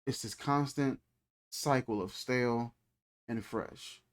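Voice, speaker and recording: A faith channel host in his thirties talks slowly in a mid-range voice. His reflections are loose and colloquial, conversational in tone, and he often repeats phrases.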